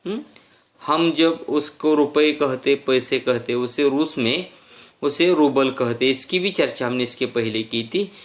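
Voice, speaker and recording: A man teaching a story lesson who explains slowly and checks in with "hmm?". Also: medium pitch.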